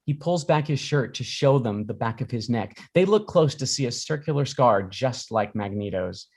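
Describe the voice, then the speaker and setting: A man's voice: medium pitch, animated, normal speed, darkish tone, slightly rough. A man reading stage directions as narrator at a live screenplay reading.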